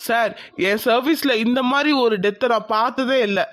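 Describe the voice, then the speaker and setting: A performer voicing a worried, puzzled male doctor in a cartoon, explaining slowly and uneasily. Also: mid-range voice, fairly bright tone, dry recording, lightly acted. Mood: uneasy. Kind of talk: cartoon voice acting.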